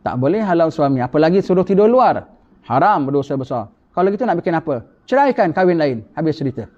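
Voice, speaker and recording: A man's voice: on the high side, big pitch swings, quick pace, a little mellow. A man giving an emphatic religious lecture with rhetorical questions, in a dull lo-fi recording. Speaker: religious teacher.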